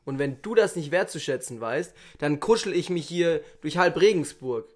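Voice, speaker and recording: A young man with a fairly high voice banters on a podcast. He rambles and plays at being offended, in a light and joking way. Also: expressive, moderate pace. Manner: mock-offended, rambling, playful. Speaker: podcast co-host. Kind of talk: casual chat.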